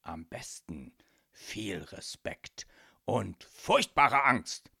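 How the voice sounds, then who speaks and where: A man voicing a loud, hot-tempered mafia boss father who blusters and bellows in a storybook reading. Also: mid-range voice, wildly swooping pitch, a little slow, gravelly, husky, no room sound, studio quality, heavily acted. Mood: blustering.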